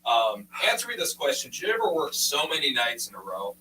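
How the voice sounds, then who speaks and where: A man's voice: medium pitch, sing-song, fairly quick, pushed and bright. A man doing a live stand-up comedy set on stage, with self-deprecating jokes. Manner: self-deprecating joke delivery. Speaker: stand-up comic. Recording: distant mic in a noisy room.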